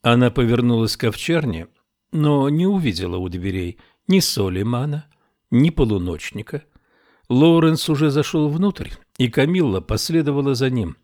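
A man narrating an audiobook in a measured, expressive storytelling manner. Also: mid-range voice, no echo, clean studio sound. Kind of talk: scripted narration.

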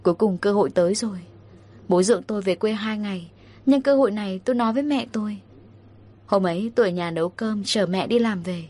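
A woman narrating a first-person drama story in a steady, dramatic way. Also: medium pitch, quick pace.

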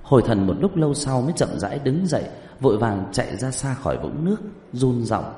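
A man narrating an audiobook story with lively, expressive delivery. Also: mid-range voice, fairly quick. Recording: roomy reverberant recording.

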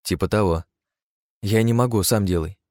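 A man lifts his voice to play a gentle young woman from a fantasy story, soft and reproachful. The recording is dry and close. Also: fairly low pitch, moderate pace, no echo, natural voice.

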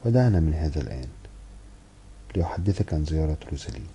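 A brisk, outspoken young university woman who talks without letting anyone cut in, voiced by a male reader. The voice stays low with a deep, dark tone. A faint hiss sits underneath. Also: expressive. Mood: frank. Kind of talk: audiobook character reading.

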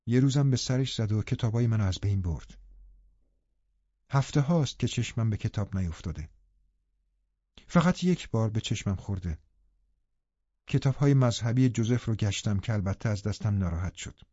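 A man voicing a bored, lonely and restless young woman, speaking softly and wistfully in an audiobook reading. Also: mid-range voice, no room sound, dull audio, lightly acted.

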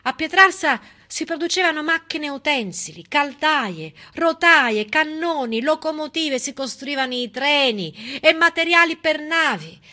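Performing as a stage storyteller, this woman gives an emphatic, ironic narrative monologue punctuated by dramatic pauses. She speaks in a high, sharp-toned voice with plenty of animation.

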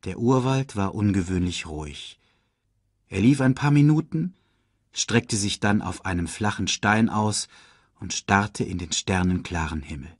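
A man narrating a children's storybook audiobook in a slow, measured reading. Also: lowish voice, slightly rough, dry recording, studio quality.

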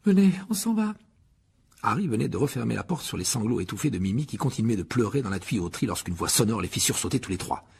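A man narrating an audiobook chapter in an expressive storytelling way. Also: on the low side, fast, vocal fry, hardly any pauses, breathy edge. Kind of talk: scripted narration.

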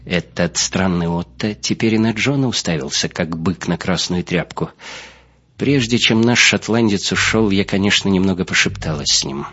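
Husky low-voiced male audiobook narrator. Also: moderate pace, a bit bright. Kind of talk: scripted narration. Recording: muffled lo-fi recording.

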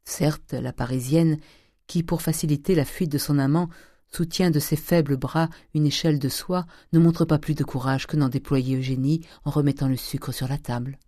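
Man narrating a classic novel in a mellow voice. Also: on the high side, steady tone, normal speed, no echo, studio quality. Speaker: audiobook narrator. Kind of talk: scripted narration.

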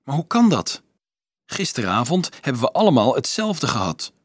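A man's voice: mid-range voice, sing-song, normal speed, slightly rough, no room sound, studio quality. A man voicing an indignant young nobleman's son who asks urgent questions in an audiobook.

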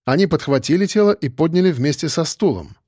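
A man reading a first-person crime audiobook in an even storytelling delivery. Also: a little high, a little fast, breathy edge, no echo, clean studio sound. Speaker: audiobook narrator. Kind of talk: scripted first-person narration.

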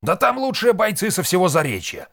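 A man's voice: lowish voice, animated, quick pace, pushed and bright, breathy edge, no echo, clean studio sound, heavily acted. A man voicing a nervous middle-aged householder who blurts out exclamations.

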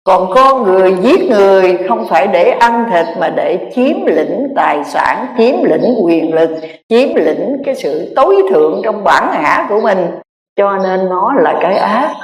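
A Buddhist nun giving an earnest dharma talk, repeating key phrases and addressing her listeners directly. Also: mid-range voice. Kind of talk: sermon. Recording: echoey reverberant hall.

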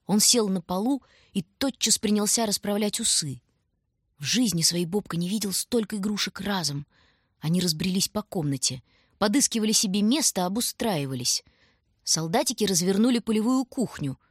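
A woman narrating a children's storybook in a calm, even reading voice, close to the mic. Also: medium pitch, normal speed, husky, no room sound. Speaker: audiobook narrator.

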